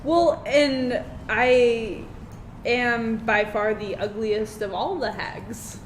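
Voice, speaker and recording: A woman's voice: fairly high pitch, steady tone, drawn-out words. A woman playing a tabletop game, chatting playfully. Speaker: player. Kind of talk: casual tabletop play. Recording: echoey room, noisy.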